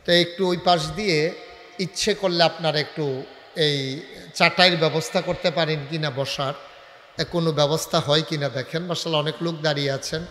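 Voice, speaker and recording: A male preacher with a Comilla Bengali accent, bantering with the crowd and then chanting in a sung, drawn-out cadence, leading call-and-response. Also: on the high side, fairly bright tone. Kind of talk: open-air religious sermon. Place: large outdoor gathering at night. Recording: reverberant outdoor PA sound with faint crowd noise.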